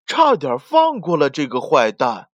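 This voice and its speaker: A man's voice: fairly high pitch, huge pitch swings, measured pace, no room sound, dull audio, exaggerated voice. A man voicing a firm old bear scolding a little bird in a children's bedtime story. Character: gruff but kindly old bear.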